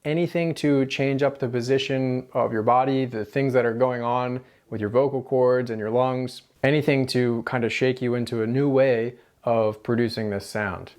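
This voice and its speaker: An American man gives a casual pronunciation lesson at a middle pitch. He explains step by step and demonstrates tapped and rolled R sounds, repeating syllables and example words as he goes. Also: steady tone, normal speed, few pauses, darkish tone. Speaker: language teacher.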